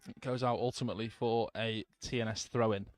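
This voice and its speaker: A man giving live radio commentary on a football match from the stands, calm play-by-play with brief asides to listeners. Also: fairly low pitch, a little fast, no echo.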